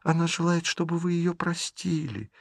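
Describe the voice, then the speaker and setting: Guy reading as a theatrical weepy noblewoman, higher voice, gushy and pleading, dry sound. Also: normal speed, vocal fry, no echo. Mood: insistent. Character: fussy, tearful middle-aged gentry lady. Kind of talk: audiobook character reading.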